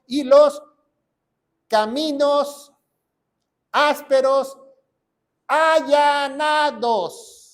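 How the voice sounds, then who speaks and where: A male pastor preaching a fiery sermon, asking rhetorical questions and repeating phrases for emphasis. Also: very high voice.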